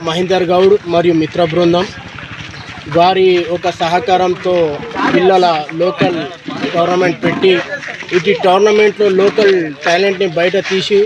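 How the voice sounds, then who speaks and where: A man makes a statement to a news camera, halting and repeating phrases. He is outdoors, with clear background noise and a dull, lo-fi sound. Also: sits high, flat delivery.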